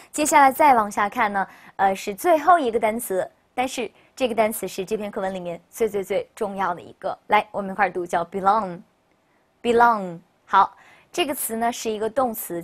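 Upbeat woman teaching English words. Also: mid-range voice. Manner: explains in Chinese, slowly models English words for repeating; upbeat, chatty classroom delivery with frequent "OK, 好的". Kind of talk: recorded vocabulary lesson.

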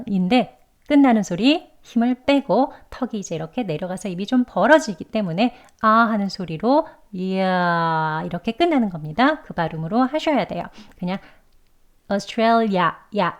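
Patient woman teaching English pronunciation. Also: mid-range voice. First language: Korean. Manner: patient, slow demonstrations of sounds. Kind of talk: pronunciation lesson.

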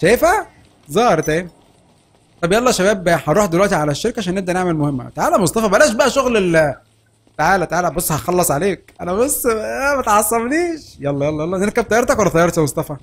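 A man with an Egyptian Arabic accent giving excited gameplay commentary, laughing and shouting often. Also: high voice, very fast. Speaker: gaming channel host.

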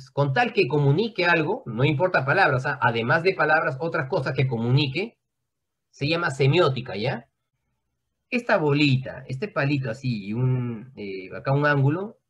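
A man's voice: medium pitch, slightly rough. A man teaching an online class, explaining at length in a conversational way and often checking in with his students.

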